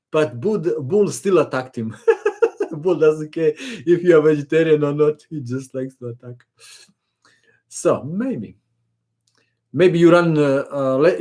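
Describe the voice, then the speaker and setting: Male chess host, casual live-stream Q&A, chatty and playful, slightly higher voice. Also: darkish tone. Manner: chatty, jokey, reads viewer questions aloud.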